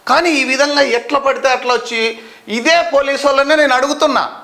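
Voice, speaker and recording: A man's voice: very high voice, fairly even intonation, brisk, pushed and bright. A man making an impassioned complaint straight to camera, indignant and rhetorical, repeating his questions for emphasis. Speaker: citizen complainant at a district office.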